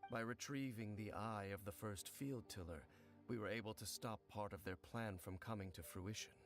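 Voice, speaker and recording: Guy voicing a serious low-voiced investigator dude, super formal, music going behind. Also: lightly acted. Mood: calm. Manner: formal, measured, explanatory. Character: calm, measured male investigator knight. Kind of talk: game dialogue. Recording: game audio with music.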